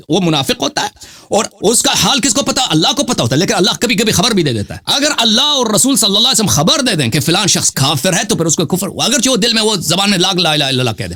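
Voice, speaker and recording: A man's voice: high voice, pushed and bright. A man in a heated live religious debate, insistent, repeating himself and pushing on over interruptions. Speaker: religious debater and channel host.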